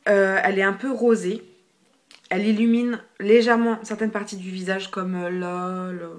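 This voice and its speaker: A woman's voice: medium pitch, steady tone, normal speed. A young woman chatting casually through a makeup haul, full of fillers and repeated words, sometimes dropping almost to a whisper, filmed on a phone. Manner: chatty, filler-heavy, repeats hyper, drops to near whispers. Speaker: beauty vlogger. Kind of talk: casual product haul review. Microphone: phone camera.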